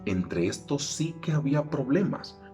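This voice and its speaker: A man's voice: mid-range voice, sing-song, unhurried, dark tone, soft background music. A man preaching a sermon in a conversational way, with sudden emphatic rises. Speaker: pastor.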